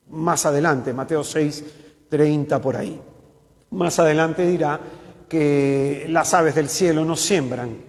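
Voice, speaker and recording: A man's voice: a little high, a little mellow, in a large hall. A man who is a missionary, teaching a Bible course and often asking his listeners questions. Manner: asks the listeners many questions. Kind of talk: spoken Bible lesson.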